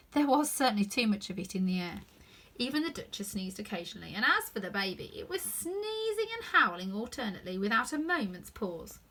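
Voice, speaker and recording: A woman with a medium-pitched voice reads a children's story aloud, narrating it expressively as a storybook reader.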